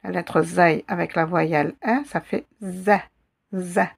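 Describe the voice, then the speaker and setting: A woman teaching an Arabic reading lesson in French, patiently repeating each syllable and word slowly for learners. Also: on the low side, creaky, breathy edge. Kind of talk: slow spelled-out reading lesson.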